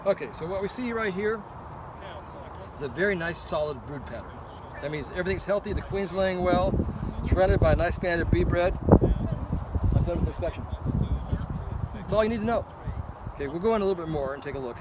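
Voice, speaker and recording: A man's voice: sits high, brisk, pauses often, very noisy. A man teaching a hands-on beekeeping demonstration at an outdoor apiary, giving practical instructions and often checking in with "okay?".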